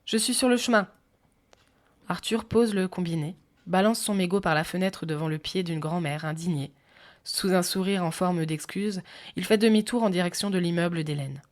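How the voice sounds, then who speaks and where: Calm woman narrating a sleep story. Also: fairly low pitch, moderate pace. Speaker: audiobook narrator. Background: faint music.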